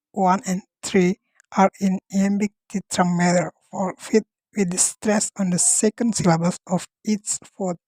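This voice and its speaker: Mellow-voiced woman presenting a class lesson. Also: mid-range voice, dry recording, poor audio. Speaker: student presenter. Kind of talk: class presentation read from notes.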